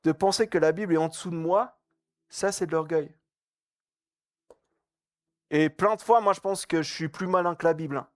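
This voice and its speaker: A man's voice: a little high, moderate pace, pauses often, dry recording, clean studio sound. A young man giving a casual, joking sermon at a youth camp. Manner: joking, chatty, laughs often. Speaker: camp speaker.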